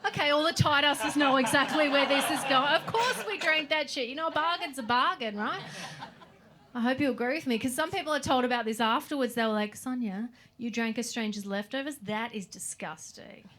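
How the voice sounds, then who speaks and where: On a club stage, a forties-aged Australian comedian delivers crude, self-deprecating stand-up in a high, sharp voice at a fairly quick clip. Audience laughter and crowd noise fill the live recording.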